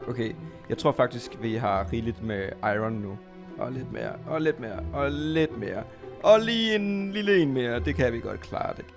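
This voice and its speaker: Excitable Danish man gaming commentary. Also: mid-range voice, over music. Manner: excitable, jumps to squeals and shouts when startled; chatty, talks to viewers and his pet. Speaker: gaming YouTuber. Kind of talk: Minecraft let's play commentary.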